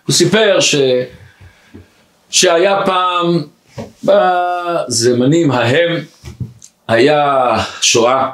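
A man's voice: a little high, pauses often, reverberant. A man, a rabbi, giving a weekly Torah lesson and acting out the lines of the people in his story. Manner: acts out the characters' lines in a rising, lively storytelling voice.

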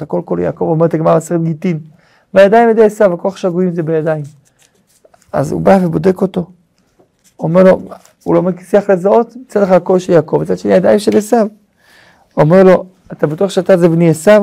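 A man, a rabbi, teaching a Torah lesson and telling the story in a lively way with explanations along the way. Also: high voice, creaky.

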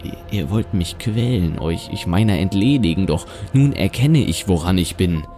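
A man's voice: sits low, expressive, moderate pace, mellow. A man playing a stammering, panicky old grandpa. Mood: bitter. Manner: stammering, repeating words. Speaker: nursing home resident. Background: music.

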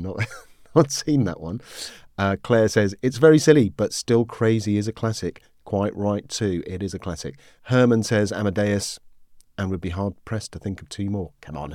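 A man's voice: lowish voice, darkish tone, no echo, clean studio sound. A man hosting a podcast, chatting casually and reading out listener messages. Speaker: podcast host. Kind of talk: casual interview chat.

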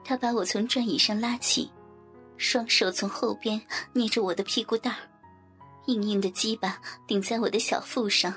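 A woman reads first-person erotic fiction in a soft, even, intimate voice that sits a little high. Faint music plays quietly under her narration. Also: normal speed.

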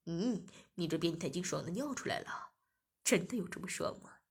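A woman voicing a smug, domineering adult man in a read-aloud audio story, with a lowered, mocking delivery. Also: lively intonation, normal speed, slightly rough, full character voice. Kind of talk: erotic audio story reading.

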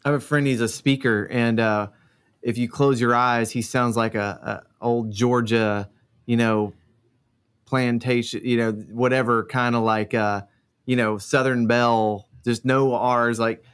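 A man's voice: medium pitch, little pitch movement, measured pace, fairly bright tone, smooth. A man taking part in a family trivia chat, rambling hesitantly with many fillers. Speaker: quiz contestant.

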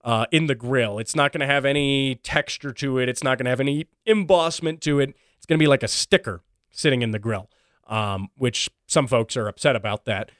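A man's voice: medium pitch, a little fast, fairly bright tone, no echo, studio quality. A man hosting a casual commentary show, talking in a chatty, wry way with plenty of fillers and restarts. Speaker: show host.

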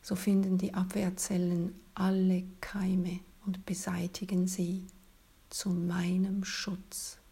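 A woman leading a guided relaxation in a soft, soothing, breathy spa-like whisper, as scripted narration. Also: lowish voice, completely flat delivery, slow pace.

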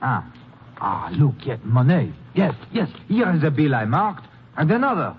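An actor playing an excitable, scheming French newspaper man with a French accent and a flustered, halting delivery in a radio drama. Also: on the high side. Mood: excited, flustered. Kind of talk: 1950s radio drama acting. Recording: tinny, faintly noisy old radio recording.

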